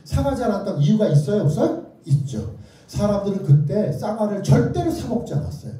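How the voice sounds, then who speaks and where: In a highly reverberant indoor lecture room, captured by a distant mic, a children's author and lecturer performs an interactive, story-style talk. He poses either-or questions to the audience in a brisk, mellow, sing-song voice that sits high.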